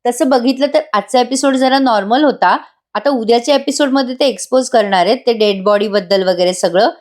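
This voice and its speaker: A woman's voice: on the high side, brisk, darkish tone. A woman giving a chatty voice-over review of a TV serial episode, speaking directly to her viewers. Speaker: serial recap narrator.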